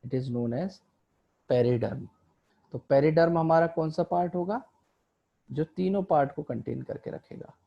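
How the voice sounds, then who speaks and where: Gravelly man teaching biology. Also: on the high side, a little slow, pauses often, lo-fi sound. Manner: asks and answers his own questions, mixing Hindi with English terms. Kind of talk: online lecture explaining a diagram.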